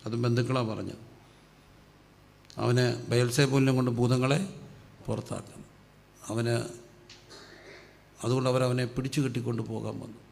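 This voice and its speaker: Gravelly preacher asking and answering himself. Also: male voice, medium pitch, fairly even intonation, normal speed, pauses often, a little mellow. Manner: asks questions and answers them himself, dropping his voice on the answer. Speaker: pastor. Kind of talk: sermon. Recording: hall reverb with faint background noise.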